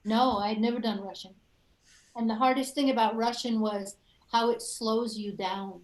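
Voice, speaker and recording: A woman's voice: fairly high pitch, fairly even intonation, moderate pace, a little hiss or hum. Woman in a roomy echo. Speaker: actor. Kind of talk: casual video-call chat.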